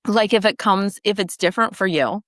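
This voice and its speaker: A woman's voice: mid-range voice, a little fast, fairly bright tone, no room sound. A woman co-hosting a podcast, talking candidly and laughing easily as she shares her experiences. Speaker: podcast co-host. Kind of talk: casual conversation.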